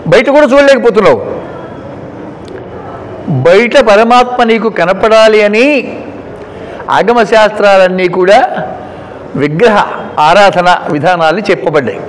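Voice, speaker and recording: A man with a high voice teaches scripture in a devotional discourse, leaning hard on key words and then dropping to quiet asides. His voice rings through a hall with a long reverb tail. A faint hum of background noise sits under the talk. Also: unhurried, long pauses. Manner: emphatic, instructive, swings between loud stresses and quiet asides. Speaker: religious discourse speaker.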